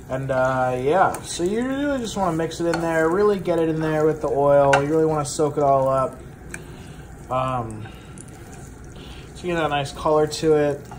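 This young adult home cook seems drunk, chatting casually and crudely as he makes food in his kitchen, his voice fairly high. A handheld phone captures it all noisily, with kitchen clatter from pans and cutlery in the background.

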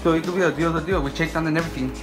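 A young man with a slightly high voice talks casually to his viewers. He swears freely and repeats his phrases, with music playing clearly behind him. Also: steady tone, racing. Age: young adult. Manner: profane, repetitive. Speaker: challenge vlogger. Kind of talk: casual excited vlog chat. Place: small living room.

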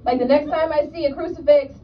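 A woman's voice: sits high, steady tone, fast talker, crowd noise. A woman performing a stand-up comedy set, chatty and loose, with many "like" asides. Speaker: stand-up comic. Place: comedy club stage. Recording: distant mic, dull lo-fi sound, loud audience laughter.

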